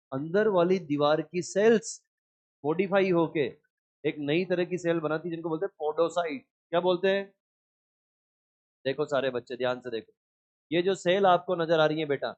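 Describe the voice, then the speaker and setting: A man teaching a biology class in a lively lecture style, often asking questions and answering them himself. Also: on the high side, lo-fi sound. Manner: scolds inattentive students.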